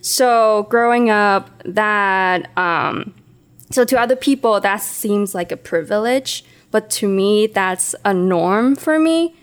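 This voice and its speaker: Woman, smooth clear voice, reflective, hesitant storytelling. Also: mid-range voice, animated, slow. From Hong Kong. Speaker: podcast co-host. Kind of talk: casual podcast storytelling.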